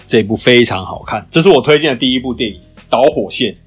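A man's voice: medium pitch, husky, faint music behind. A man co-hosting a casual podcast chat, retelling movie scenes with acted-out lines. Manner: fast, animated storytelling with acted-out movie lines. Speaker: podcast co-host.

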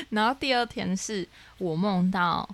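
A young woman from Taiwan, co-hosting a podcast, telling her dreams in animated casual chat full of fillers. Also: medium pitch. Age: young adult. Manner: animated storytelling with many fillers. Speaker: podcast co-host.

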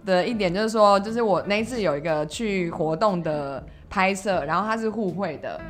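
A woman with a Taiwanese Mandarin accent hosting a podcast, chatting casually in an expressive, exclaiming way. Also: mid-range voice, a little fast. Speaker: podcast host. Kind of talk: casual chat. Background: music.

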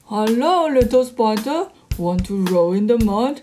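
Woman voicing a playful storybook piglet, oinking, drawn-out, raised pitch, guitar behind. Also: animated, dark tone. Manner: oinking, drawn-out and sing-song. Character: playful little pig who loves mud. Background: guitar music.

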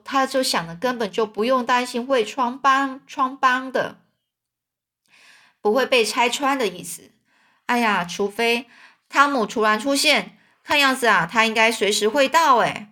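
Woman, storyteller, chatty, bright tone. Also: on the high side. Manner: chatty, explaining words to listeners. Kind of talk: children's story reading.

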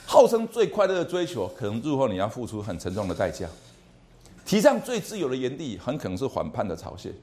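A man lecturing to a university class in a lively, animated way, often repeating words and asking the class questions. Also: medium pitch, quick pace. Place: lecture hall.

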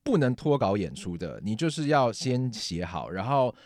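A man's voice: lowish voice, big pitch swings, moderate pace, darkish tone, no room sound, studio quality. A man hosting a casual podcast interview, switching between two languages and interjecting reactions as he goes.

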